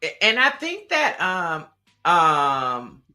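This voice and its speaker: Bright-voiced woman co-hosting a chat show. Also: on the low side, drawn-out words, soft background music. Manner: animated, talkative, laughs often. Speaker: co-host. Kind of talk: casual chat.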